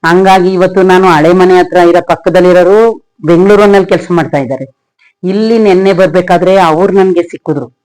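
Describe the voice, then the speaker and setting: A woman's voice: lowish voice, normal speed, darkish tone, low-quality recording. A woman vlogger telling a personal story in a rambling, emotional way, often calling her viewers friends. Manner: emotional, reflective.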